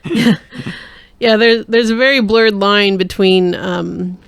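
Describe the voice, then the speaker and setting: A woman's voice: medium pitch, slow pace, vocal fry, clean tone, no room sound. A woman co-hosting a casual chat in a home studio, playful and teasing, laughing often. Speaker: co-host.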